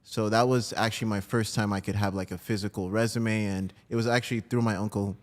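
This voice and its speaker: On the podcast, a New Jersey breathwork coach discusses what he does, sounding casual and a little fast. His tone is steady and his pitch lowish.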